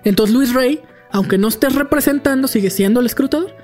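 A man with a Mexican accent, tired after a long day, tells a business story in a casual, animated, profane way. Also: extremely high pitch, fairly quick, faint music behind. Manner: animated, profane, dramatic retelling. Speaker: podcast host telling a business story.

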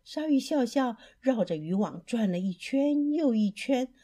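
A woman reads children's stories aloud in a slow, expressive storybook manner. Her voice is mellow and slightly high. She lets her pitch rise and fall freely. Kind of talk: reading children's picture books aloud.

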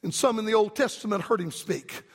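A man preaching a fiery revival sermon in an emphatic, rhythmic cadence that climbs to shouts. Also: sits high, brisk, husky, big-room sound.

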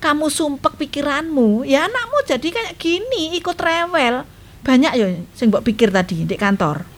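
A woman's voice: high-pitched, normal speed. An actress playing an older Javanese grandmother who frets and coaxes a crying grandchild in a family drama. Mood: chiding, fussing. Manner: fretful, coaxing, chatty. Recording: steady background noise.

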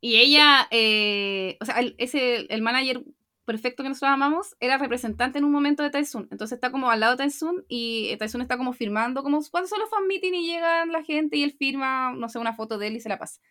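Young woman, Chilean accent, high pitch, animated storyteller, casual chat. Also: fairly quick. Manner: animated storytelling, acting out quotes. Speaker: podcast co-host.

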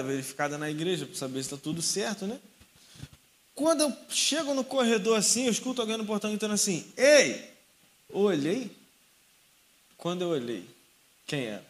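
A man's voice: high-pitched, very animated, quick pace, a bit bright. A young male youth pastor with a Rio de Janeiro accent, telling a personal story in a sermon and acting out the dialogue. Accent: Rio de Janeiro Portuguese.

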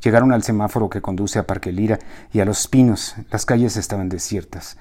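Male audiobook narrator, low pitch, mellow tone. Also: fairly quick.

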